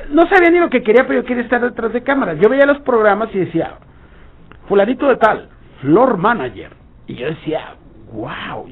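A Mexican man telling a rambling anecdote on a radio show, acting out bits of dialogue. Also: high voice. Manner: rambling storytelling with acted-out dialogue. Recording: tinny phone-like sound.

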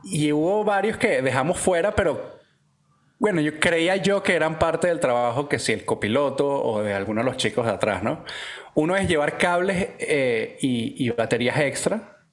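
A man, co-hosting a podcast, telling stories in a relaxed, slangy way with frequent restarts. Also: on the high side, normal speed. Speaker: podcast co-host. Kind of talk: casual chat.

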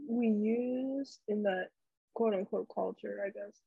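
Husky young woman, wry and laid-back. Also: medium pitch, slow, no echo, narrow, tinny audio. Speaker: podcast co-host. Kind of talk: casual chat.

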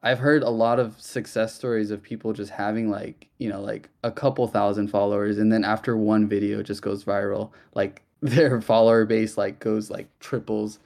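A man's voice: fairly low pitch, level tone, moderate pace, few pauses, a little mellow. A man hosting a casual online Q&A, chatty and loose, with many fillers and restarts. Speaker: project host. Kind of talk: casual audio-room Q&A.

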